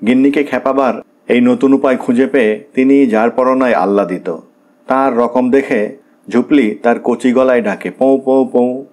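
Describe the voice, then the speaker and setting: A man's voice: medium pitch, moderate pace, darkish tone. A man narrating a classic short story in a scripted reading, lightly shading the characters' lines as he goes.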